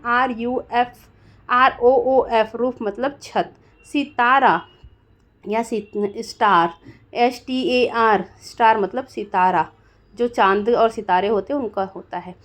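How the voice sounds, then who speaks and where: Slow-spelling woman teaching words. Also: a little high. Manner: slow, deliberate spelling with frequent "theek hai dosto". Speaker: English vocabulary teacher. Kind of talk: vocabulary lesson, spelling words letter by letter.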